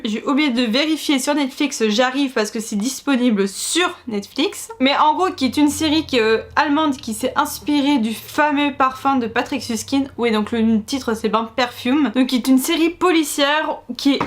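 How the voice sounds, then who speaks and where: A young woman with a fairly high voice talks casually to her camera at home. She is chatty and a little rambling, often breaking off and restarting her sentences. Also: moderate pace, few pauses. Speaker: book vlogger. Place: room at home with books behind her. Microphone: camera in front, computer to the side.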